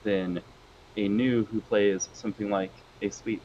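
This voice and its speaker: This co-caster for a card game match is a man with a lowish, dark-toned voice, fairly even in intonation and measured in pace, offering analysis and dry humor. A weak connection leaves the audio dull and lo-fi, with slight background noise.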